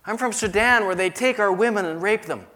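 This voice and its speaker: A man's voice: high voice, brisk, bright, forceful tone. A middle-aged man, a pastor from the United States, preaching a sermon and telling stories with emphatic repetition.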